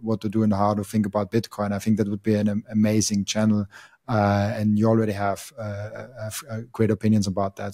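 This young Austrian man hosts a casual podcast interview from his home studio, speaking into a boom mic on an arm. His voice sits on the low side with a warm tone, and he hesitates often, with plenty of fillers and restarts. The recording is studio quality with no room sound.

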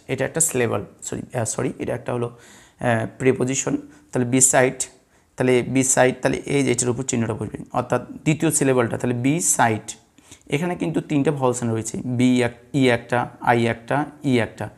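A male teacher from Bangladesh gives a classroom-style lesson, asking his students questions and answering them himself. His voice has a gravelly, creaky edge at a middle pitch. He talks patiently and repeats each rule several times. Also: fairly even intonation, normal speed. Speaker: English teacher. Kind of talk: blackboard lesson explaining word stress.

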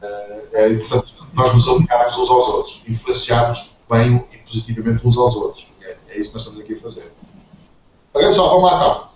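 A man's voice: medium pitch, a little fast, distant mic, slight background noise. A man with a European Portuguese accent talks earnestly to a group over a video call and keeps checking that everyone is following. His voice sits well back from the mic in a very echoey room. The audio is dull and muffled. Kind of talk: casual group call talk.

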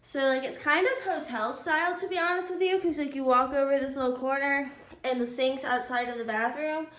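A woman's voice: high-pitched, a little fast, a bit bright. A woman in her twenties casually touring her empty new apartment on a handheld phone, chatty and upbeat. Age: 20s. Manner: chatty, upbeat, says "cute little" a lot. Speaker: vlogger. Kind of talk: casual house-tour vlog. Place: empty apartment with bare walls. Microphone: handheld phone camera. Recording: echoey empty rooms, faint room hiss.

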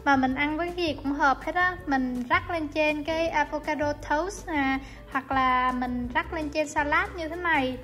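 A woman's voice: sits high, fairly even intonation, normal speed, hardly any pauses. A young woman, talking viewers through a recipe in a casual, chatty home-kitchen voice-over. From Vietnam. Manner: chatty, friendly step-by-step explaining. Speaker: cooking vlogger. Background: soft background music.

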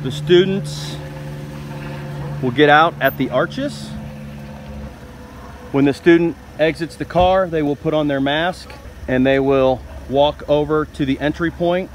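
A man's voice: fairly high pitch, slow pace, long pauses, slight background noise. A young man narrating a school news video as a scripted voice-over, reading instructions plainly and steadily. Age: young adult.

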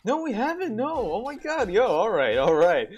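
A man giving casual, excitable gaming commentary, laughing often and cursing mildly. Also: sits high, moderate pace, husky, muffled recording, soft background music. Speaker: gameplay commentator.

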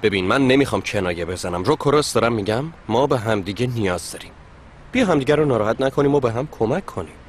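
A man dubbing an earnest husband who reasons calmly. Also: medium pitch, a little hiss or hum, close to an everyday voice.

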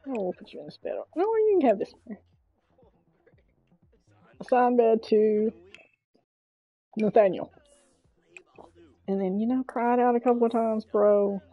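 A woman's voice: on the high side, big pitch swings, measured pace, pauses often, husky, no echo, phone-quality sound. A woman streaming a game, chatting casually and coaxing her game characters, with mild swearing. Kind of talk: casual gameplay commentary.

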